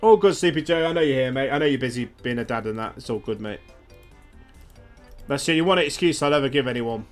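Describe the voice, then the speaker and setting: Animated man chatting while gaming. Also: mid-range voice, quick pace, soft background music. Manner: animated, chatty, swears freely. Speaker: game streamer. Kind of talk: casual gaming chat.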